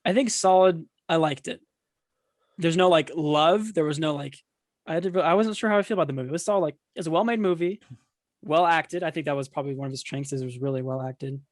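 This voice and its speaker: A young man talks through a film review on a casual podcast. His voice sits slightly high, and he hesitates and restarts his lines. The sound is dry and close to the mic. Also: quick pace, no room sound. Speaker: podcast co-host. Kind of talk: casual chat.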